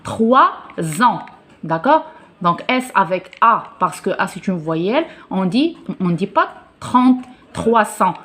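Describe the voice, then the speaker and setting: Slow, patient Moroccan woman teaching French. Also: medium pitch, sing-song, a bit bright. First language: Moroccan Arabic. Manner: patient, repeats examples and asks "d'accord?" often. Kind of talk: French lesson for beginners.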